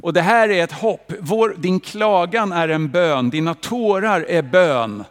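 A man preaching a sermon in a church, lively and direct, with rhetorical questions aimed at the congregation. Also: sits high. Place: church hall. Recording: long reverb of a church hall.

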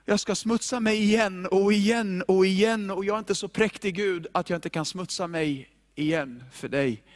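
Man playing a forgiving God, tender, reassuring, emphatic, fairly high voice. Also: lightly acted. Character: patient, forgiving God speaking to a sinner.

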